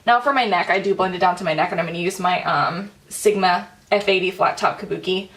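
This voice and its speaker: Recorded from a distance, a young woman with a lowish, slightly bright voice talks fairly quickly as she walks through a makeup tutorial at home. She's a beauty vlogger, chatty and heavy on fillers, saying "like" and "um" a lot.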